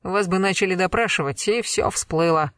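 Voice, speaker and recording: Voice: medium pitch, normal speed, a bit bright, no room sound, close to an everyday voice. A reader voicing a stern former colonel who interrogates a suspect relentlessly in an audiobook. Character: stern commanding male investigator, a former colonel. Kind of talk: audiobook character reading.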